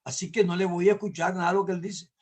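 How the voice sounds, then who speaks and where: High-voiced older preacher explaining scripture. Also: male voice, fairly even intonation, fast, a little mellow, breathy edge. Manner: emphatic, repeats words when stressing a point; explains with everyday examples, asks listeners to agree. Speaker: pastor. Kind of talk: sermon teaching.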